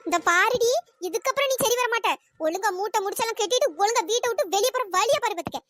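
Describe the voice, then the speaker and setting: A performer voicing a domineering older mother-in-law who shouts and berates her daughter-in-law in a cartoon. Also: very high-pitched, quick pace, no echo. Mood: scolding. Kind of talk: cartoon voice acting.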